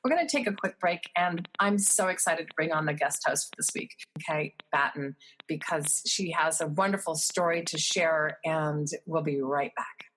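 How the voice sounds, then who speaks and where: A woman's voice: deep voice, normal speed, fairly bright tone, slight background noise, low-quality recording. A woman hosting a talk radio show, chatting effusively with her guest and using filler words.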